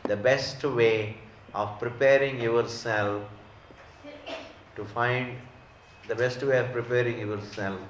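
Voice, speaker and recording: Slow-speaking Indian man teaching, echoey room. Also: medium pitch, steady tone, slight background noise. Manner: emphatic repetition, rhetorical questions, didactic. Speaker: spiritual teacher giving scripture discourse. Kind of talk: religious discourse. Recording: echoey room, slightly dull sound.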